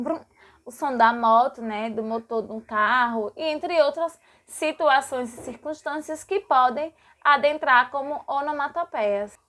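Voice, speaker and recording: A woman's voice: high voice, a bit bright. A woman teaching a lesson, repeating words and acting out sound effects. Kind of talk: explanatory lesson.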